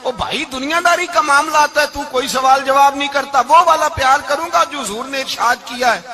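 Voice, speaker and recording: High-pitched impassioned preacher. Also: male voice. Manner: impassioned, swings from soft storytelling to shouts; chants verses in a slow sung tone. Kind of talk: religious sermon. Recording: live event with audible crowd. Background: audience crowd.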